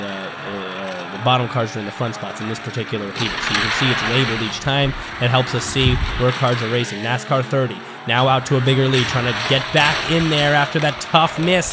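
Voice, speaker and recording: A man with a scratchy voice, still getting over being sick, commentating diecast car races, calmly explaining and then shouting when cars crash. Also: mid-range voice. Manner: swings from calm explaining to excited shouting on crashes. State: scratchy voice from a recent illness. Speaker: race commentator.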